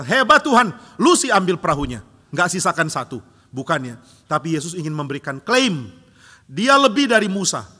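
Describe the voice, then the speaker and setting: A man preaching from the pulpit with a bright, forceful voice that rings through a large church with long reverb. He tells the story with lively energy and slips into loud, animated voices for the people in it. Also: a little high. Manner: lively storytelling, acts out quoted voices with sudden loud jumps. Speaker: pastor. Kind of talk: sermon.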